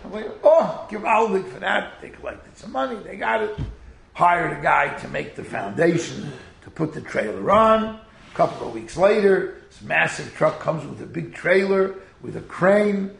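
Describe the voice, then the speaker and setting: A man with a Yiddish-inflected American accent gives an informal sermon as a rabbi, telling stories in an animated way and sprinkling in Hebrew and Yiddish words. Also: on the high side, normal speed, vocal fry, reverberant, a little hiss or hum. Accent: Yiddish-inflected American English. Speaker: rabbi giving a Torah talk.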